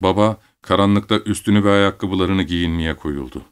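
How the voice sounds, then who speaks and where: A man narrating an audiobook in a calm, measured way. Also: sits low, clear, resonant tone. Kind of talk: scripted narration.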